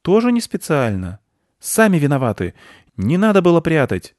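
A man's voice: fairly high pitch, huge pitch swings, moderate pace, a little mellow, dry recording, studio quality, pitched above the performer's own voice. A man voicing a greedy, hysterical female squirrel who shrieks and rants in a storybook reading. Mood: agitated, paranoid. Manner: shrieking, frantic, paranoid.

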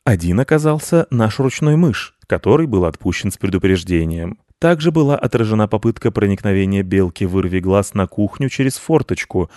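A man's voice: on the low side, animated, fairly quick, hardly any pauses, mellow, no room sound, studio quality, natural voice. A man voicing a lazy, self-important male house cat who lectures in a storybook reading. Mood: mock newscast. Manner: pompous and lecturing.

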